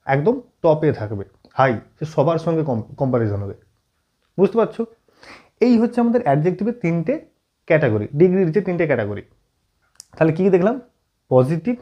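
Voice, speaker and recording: A man teaching an English grammar lesson at a whiteboard, often checking in with his students and slowing down as he writes. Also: fairly high pitch, lo-fi sound. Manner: frequent check-in questions to students; writes on board while explaining, slowing down.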